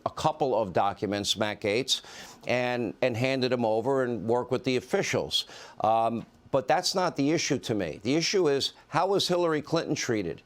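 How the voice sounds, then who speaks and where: A middle-aged man hosting a TV news interview, pressing his guests with emphatic, rapid-fire questions. His voice sits at an ordinary middle pitch for a man. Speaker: TV news host.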